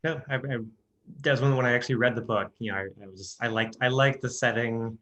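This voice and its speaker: A man's voice: medium pitch, fast talker, fairly bright tone. A man with a Midwestern American accent, an audiobook narrator chatting in an interview, hesitant with many restarts and fillers. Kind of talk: casual interview chat.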